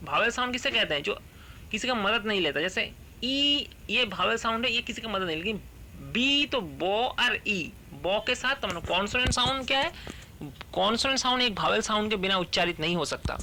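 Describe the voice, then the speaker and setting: A male English grammar teacher, reading rules aloud slowly and then explaining them, often asking the class a question and answering it himself. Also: high voice, pushed and bright, a little hiss or hum.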